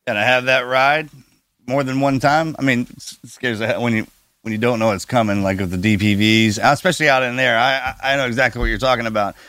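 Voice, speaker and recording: A man's voice: medium pitch, fairly even intonation, fast, pushed and bright, no room sound. An American man co-hosting, chatting casually. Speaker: co-host. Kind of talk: casual chat.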